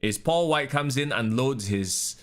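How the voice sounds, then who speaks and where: A man's voice: mid-range voice, lively intonation, measured pace, fairly bright tone. A young man with a Singaporean English accent, co-hosting a wrestling podcast in casual, sarcastic chat, swearing freely. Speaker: podcast co-host.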